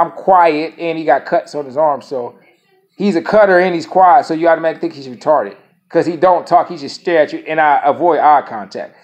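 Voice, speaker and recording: A man in his thirties speaking a casual monologue to camera, rambling and profane, often repeating his phrases. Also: high voice. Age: 30s. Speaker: vlogger.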